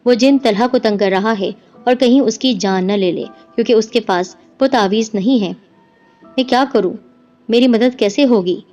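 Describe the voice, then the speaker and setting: A woman narrating a horror story in a steady, scripted storytelling voice. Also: fairly high pitch. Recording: dull lo-fi with music behind.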